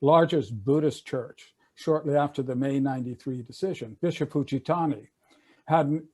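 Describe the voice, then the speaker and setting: The speaker is an older attorney and panelist on a video call, chatting about legal history with lots of fillers and restarts. He has a mellow, mid-range male voice and keeps a moderate pace.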